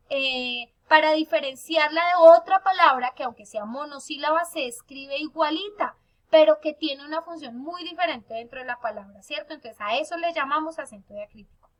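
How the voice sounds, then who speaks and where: A woman teacher with a high voice leads a recorded online class. She explains each point patiently and keeps checking that her listeners follow along. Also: fairly bright tone.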